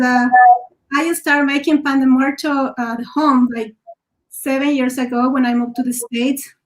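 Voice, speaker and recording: A woman from Mexico City talks about her cooking in English with a Mexican Spanish accent. Her voice sits high, and she often stops to search for words and fills the gaps with "uh" and "like.". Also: rough recording. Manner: halting, searching for words, many fillers. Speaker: home cook guest. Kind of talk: casual show-and-tell talk.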